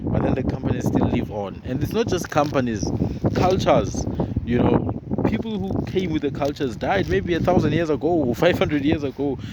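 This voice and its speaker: A man's voice: a little high, expressive, moderate pace. A man giving a casual motivational monologue, earnest and rambling, repeating words as he goes. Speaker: motivational vlogger. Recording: loud wind and boat noise outdoors.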